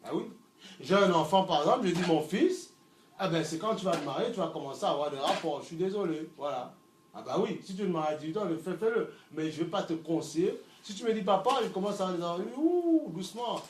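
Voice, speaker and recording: A middle-aged man with a high-pitched voice preaches a sermon, recorded from a distance in an echoing room with faint ambient noise. Animated and fast, he swings from loud shouts to near murmurs. He often repeats a word several times while searching for the next one.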